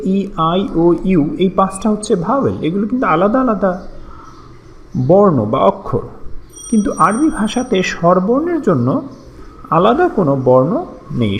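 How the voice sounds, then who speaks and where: A man's voice: high voice, slight background noise. A man teaching a lesson, explaining step by step and patiently repeating syllables for practice.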